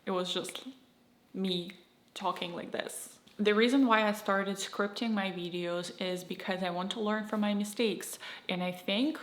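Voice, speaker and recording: Delivering a scripted yet candid and reflective vlog monologue to camera, a Russian-accented woman YouTuber speaks at a measured pace in a steady, mid-pitched tone. Her phrasing breaks into slightly choppy chunks. A roomy echo colors the recording.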